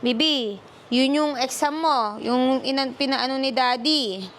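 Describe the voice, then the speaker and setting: Slow, patient Filipino mother teaching reading. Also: sits high, a bit bright. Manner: patient, mixes English into Filipino, prompting questions. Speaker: mother teaching her child to read. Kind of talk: home reading lesson. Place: home. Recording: faint background noise.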